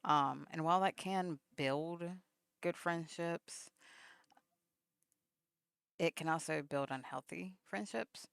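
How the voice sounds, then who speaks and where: A woman's voice: low-pitched, takes it slowly, vocal fry, long pauses, clean tone, no room sound, studio quality. A woman vlogger telling a story in a casual, rambling way, full of fillers, acting out remembered text exchanges. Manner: rambling, many fillers, acts out remembered texts.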